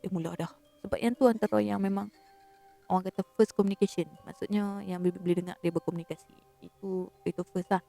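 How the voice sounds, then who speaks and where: A woman with a northern Malaysian accent telling a spooky story in a casual, animated way, sometimes dropping to a hush. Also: mid-range voice, quick pace, creaky, soft background music. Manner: animated, drops to a hushed whisper for suspense.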